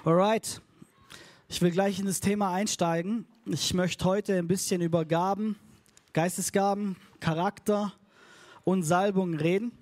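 A man's voice: high-pitched, steady tone, unhurried, a little mellow. A man preaching a casual, upbeat sermon to a congregation, tossing in English phrases and leading call and response. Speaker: pastor. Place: church hall before a congregation.

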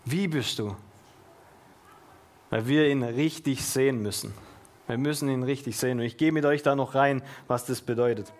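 A man's voice: medium pitch, normal speed, pauses often. A young man leading a casual Bible study, slangy and enthusiastic, walking listeners through verses. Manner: slangy and enthusiastic, reads verses aloud with lively stresses.

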